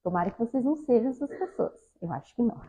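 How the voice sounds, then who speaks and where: A woman's voice: fairly high pitch, animated, rapid-fire, warm tone, highs cut off. A woman giving a spiritist talk, speaking conversationally and often addressing the audience directly. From southern Brazil. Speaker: lecturer at a spiritist center.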